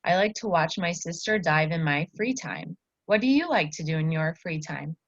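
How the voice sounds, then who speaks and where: Tutoring a child one-on-one, a young Iowan woman in her early 20s speaks at a normal pace with a deep voice and lively intonation. She's a student teacher, encouraging and full of praise. The audio sounds dull and echoey, a lo-fi room recording.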